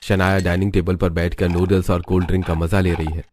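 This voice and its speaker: A man narrating a cartoon story in a plain, even scripted manner. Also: low voice, fast talker, a little hiss or hum.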